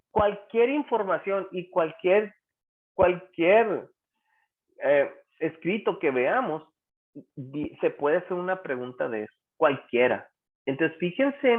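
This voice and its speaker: A man teaching an English class in Spanish online, patiently repeating words slowly for students to practice. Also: fairly high pitch. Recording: tinny phone-like online class audio.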